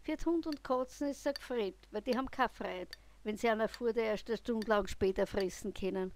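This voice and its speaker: A woman's voice: fairly high pitch, brisk, darkish tone, a little hiss or hum. A woman with a Viennese accent expressively reciting a humorous poem in dialect.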